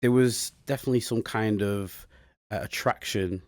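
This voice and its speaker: Podcast host guy, warm lowish voice, dry mic, keeps nodding along. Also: steady tone, moderate pace, no echo. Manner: encouraging, short affirmations. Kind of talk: podcast interview.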